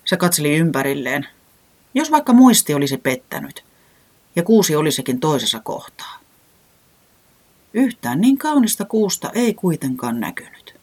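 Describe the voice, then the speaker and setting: A storyteller reading a children's tale aloud. The delivery is calm and gentle, yet lively in pitch, and the voice carries a slight husky breathiness. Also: long pauses.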